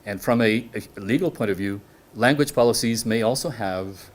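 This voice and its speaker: A man who grew up speaking French lectures on law as a guest speaker in a hall, using measured English. His pitch is fairly low, and he tends to restart phrases and direct questions at the audience.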